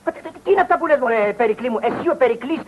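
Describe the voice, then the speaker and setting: Stammering flustered cousin, high voice, dull old film sound, music behind. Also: male voice, lively intonation, a little hiss or hum. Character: nervous, flustered middle-aged male cousin.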